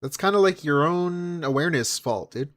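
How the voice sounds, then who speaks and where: A man's voice: fairly high pitch, expressive, normal speed. A man streaming a reaction video, talking over it with blunt, mocking remarks and plenty of swearing. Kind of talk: casual reaction commentary.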